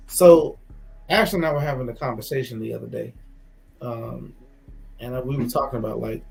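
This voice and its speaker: A man's voice: medium pitch, fairly quick, creaky, darkish tone, soft background music, low-quality recording. A man chatting casually and reflectively with friends as a co-host, candid and swearing freely, repeating phrases for emphasis. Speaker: co-host of a casual talk show.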